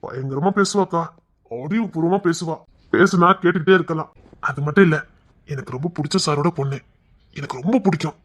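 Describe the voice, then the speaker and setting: A man's voice: fairly high pitch, brisk. A man playing a kind, devoted young man who reassures an older woman in an audio drama. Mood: earnest. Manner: earnest, warm-hearted, reassuring. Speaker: young husband-to-be waiting outside an exam hall.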